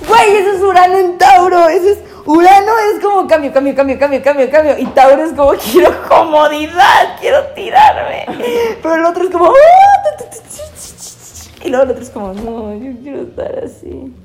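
Giggly, high-voiced Mexican woman. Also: expressive, fast talker. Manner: laughing, theatrical, swings between murmurs and shouts. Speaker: podcast co-host. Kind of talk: casual chat.

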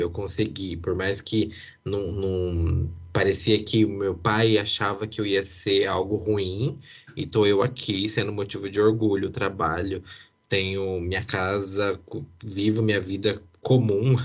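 A young man, casually telling a personal story with lots of fillers and asides. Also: low-pitched. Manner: chatty, many fillers and asides, occasional laughs.

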